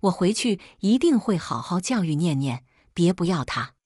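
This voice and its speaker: A woman's voice: on the low side, big pitch swings, normal speed, darkish tone, husky, no room sound, clean studio sound. A woman reading a story aloud, voicing a humble working mother who pleads anxiously with a teacher. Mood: pleading.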